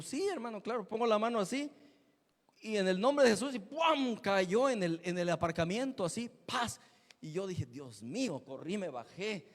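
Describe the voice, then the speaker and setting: A man preaching a testimony in a sermon, telling his story in an animated way and acting out the scenes. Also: high voice. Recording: long church reverb.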